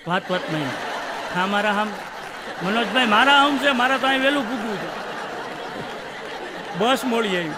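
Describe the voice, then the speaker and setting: A man's voice: extremely high pitch, expressive, crowd noise, background noise. A male stand-up comedian telling jokes to a live audience, chatting casually and acting out the people in each story with short quoted lines. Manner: chatty storyteller, acts out judges and wives in quick quotes.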